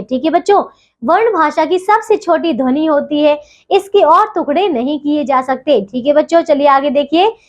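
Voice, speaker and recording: A woman with a high, light voice patiently teaches children a grammar lesson. She spells sounds out slowly and checks in with the class again and again.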